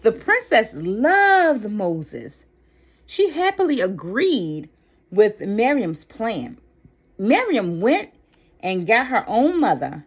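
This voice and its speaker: A woman reads a children's Bible story aloud at a very slow, deliberate pace. Her mid-range pitch swings dramatically up and down, and she phrases things carefully and expressively, as if for young listeners.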